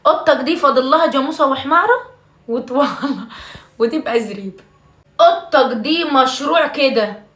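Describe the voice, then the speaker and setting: Playing a mother in a comic family video, an Egyptian woman speaks fairly quickly in a high, expressive voice. She coaxes her son and scolds him by turns, swears oaths, lets out loud exasperated bursts, and heaps on endearments, frequently sinking into a hushed near-whisper.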